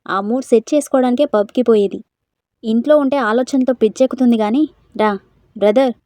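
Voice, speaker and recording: Narrator doing a breezy storybook younger brother, joking and coaxing, highish voice, dry sound. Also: female voice, a little fast, mellow, dry recording, natural voice.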